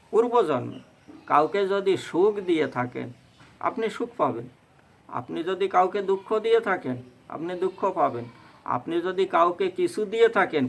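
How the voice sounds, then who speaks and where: A man with a Bengali accent giving a fervent devotional sermon on scripture, addressing the listeners as mothers and breaking into slow chanting. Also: high-pitched, fairly bright tone, low-quality recording. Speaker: Bhagavata reciter.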